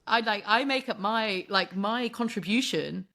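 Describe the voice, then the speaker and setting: Slightly slow and fairly bright, this medium-pitched woman's voice belongs to a thirty-something English sports broadcast journalist. As a guest on a podcast, she keeps things casual and self-deprecating, laughing a lot and saying "like" constantly.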